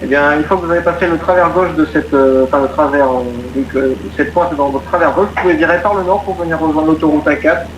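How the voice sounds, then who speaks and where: He talks fast with few pauses, his voice a little high, as an air traffic controller providing polite, procedural instructions and explanations over the radio. Muffled, roomy radio audio carries faint noise.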